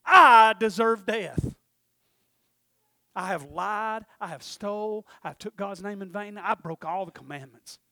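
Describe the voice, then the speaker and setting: Preacher guy, middle-aged, high voice, goes from shouting to real quiet, dry close sound. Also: measured pace, no room sound. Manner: swings from shouted urgency to low intimate asides. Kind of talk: sermon.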